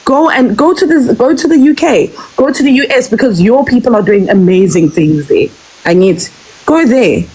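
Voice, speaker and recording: A South African woman with a husky voice rants in an agitated, exasperated way. Her pitch swings widely as she repeats her points. She sounds like a caller speaking in a live discussion. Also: animated, brisk, hardly any pauses, dark tone, poor audio. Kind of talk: angry rant.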